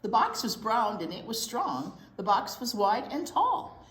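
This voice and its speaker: This storytime teacher's voice is slightly high and a bit bright, with a sing-song lilt and a measured pace. She reads a picture book aloud to young children, drawing out important words and asking small questions, while the room echoes around her.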